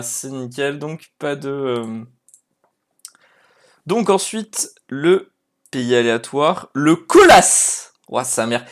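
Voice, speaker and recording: A man streaming live and running a prize draw, chatting casually and excitably with his viewers by name. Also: a little high.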